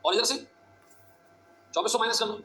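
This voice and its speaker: A male teacher giving a classroom lecture, talking fast and urgently, repeating phrases and quizzing his students. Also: high voice, fairly even intonation, pushed and bright, soft background music.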